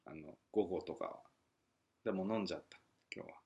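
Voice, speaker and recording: A man hosting a casual solo podcast at home at night, rambling and musing aloud as he reads listener mail, with soft chuckles. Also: sits low, fairly quick, lo-fi sound. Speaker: podcast host.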